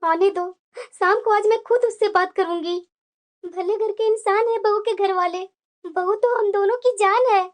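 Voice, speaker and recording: A woman's voice: very high voice, steady tone, normal speed. A woman voicing a worried, doting elderly mother-in-law in a cartoon, pleading and fretful. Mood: brooding. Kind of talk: cartoon voice acting.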